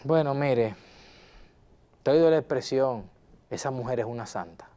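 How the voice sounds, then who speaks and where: A man's voice: mid-range voice, normal speed, mellow, close to an everyday voice. A man playing a hot-tempered husband in a role-played counseling session, insistent and repeating himself as he talks to his counselor. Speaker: counseling client.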